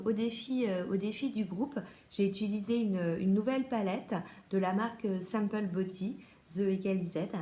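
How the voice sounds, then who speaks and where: A woman's voice: mid-range voice, darkish tone, reverberant, slight background noise. A French-accented woman chatting casually through a beauty haul as a vlogger, with many fillers and restarts.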